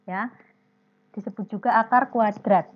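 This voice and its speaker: A woman's voice: mid-range voice, steady tone, measured pace. A woman teaching a primary class online, explaining step by step and calling on students by name. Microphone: video call. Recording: dull lo-fi video call audio.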